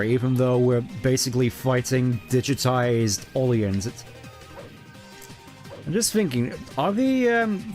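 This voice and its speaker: A man's voice: mid-range voice, a little mellow. A man giving casual live game commentary as a streamer, musing and rambling wryly. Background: game music.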